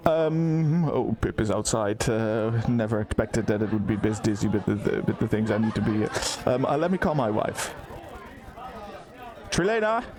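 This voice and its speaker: A man running a tabletop game as game master, narrating casually with a halting, stammering delivery. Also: fairly low pitch, darkish tone.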